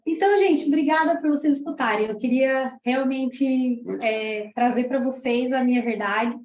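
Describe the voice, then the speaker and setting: This woman from Argentina, a teacher and parapsychologist in her thirties, shares a warm, emotional testimonial with her class, chatting along and dropping many "né"s. Her voice is high-pitched and moderately paced, and the room sound is dull, roomy, and lo-fi.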